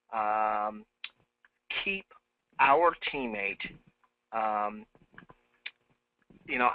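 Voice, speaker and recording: A man's voice: lowish voice, no echo. Guy hosting a team webinar on a headset, chatty and upbeat, sounds tinny like a phone. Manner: upbeat, repeats himself, many fillers. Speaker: webinar host. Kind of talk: live team webinar, welcoming callers. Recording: dry, tinny phone-like line.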